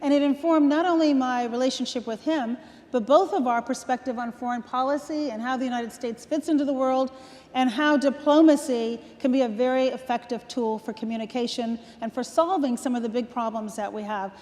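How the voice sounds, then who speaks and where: Woman in her sixties, high voice, telling stories on stage, big hall echo. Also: fairly quick. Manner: warm storytelling, laughs between points. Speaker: guest speaker. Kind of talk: onstage conversation. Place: large event hall. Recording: long hall reverb.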